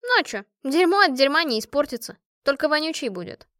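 A woman's voice: high-pitched, very animated, a little fast, a bit bright, no room sound, voice pushed up. A woman voicing a tired, tough young orphan girl soldier who speaks bitterly and coarsely, close to tears, in an audiobook. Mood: teasing rough.

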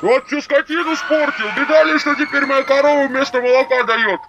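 A woman's voice: high voice, steady tone, highs cut off, background noise, pitched above the performer's own voice, lightly acted. Woman playing a wailing peasant man. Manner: drawn-out wailing shouts. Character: distraught peasant man, shouting complaints. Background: loud background music.

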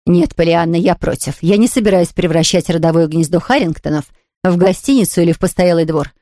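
A woman's voice: on the low side, a little fast, warm tone, no echo, natural voice. A woman reading aloud, voicing a proud, frail older aunt who speaks in a dry, disapproving way. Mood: stern. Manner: dry, sniffing, reproachful.

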